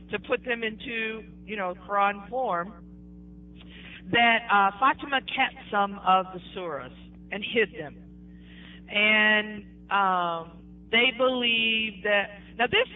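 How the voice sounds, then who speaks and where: An American woman telling her conversion story in animated casual talk, often checking in with her listeners. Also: medium pitch. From United States. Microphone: online voice-chat room microphone. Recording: tinny voice-chat line with faint hiss.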